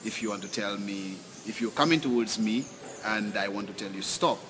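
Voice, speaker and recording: A man's voice: on the low side, normal speed. A man with a Saint Lucian accent informally explaining his language, a little hesitantly and by example. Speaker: local man explaining Creole. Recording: noisy outdoor location recording.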